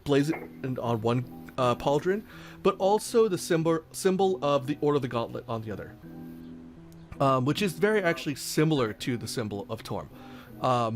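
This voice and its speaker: A man narrating as game master in a tabletop game, rambling with many fillers. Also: mid-range voice.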